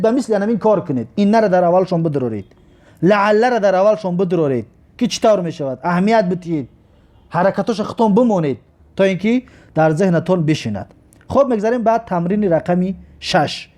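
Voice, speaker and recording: A man teaching an Arabic grammar lesson. He spells out each example slowly and keeps urging students to pay attention. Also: high voice, warm tone. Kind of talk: recorded classroom lesson.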